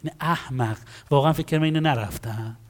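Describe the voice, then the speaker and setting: A man working as a counselor, telling stories about clients and acting out their dialogues in an animated way. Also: medium pitch. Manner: animated storytelling, acts out dialogues.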